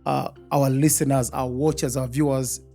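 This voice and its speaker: A man's voice: medium pitch, little pitch movement, moderate pace, gravelly, warm tone, soft background music. A man with a Rwandan accent hosting a student podcast, full of "uh" and eager "wow" reactions. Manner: many fillers, eager reactions. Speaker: podcast host. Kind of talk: casual interview chat.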